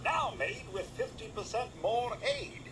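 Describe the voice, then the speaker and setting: An actor playing a male robot lemonade vendor, calling out a repeating sales pitch with upbeat patter from a distance. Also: animated, unhurried. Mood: cheery. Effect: repeating sales call heard from a distance. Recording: distant in-game audio with noise.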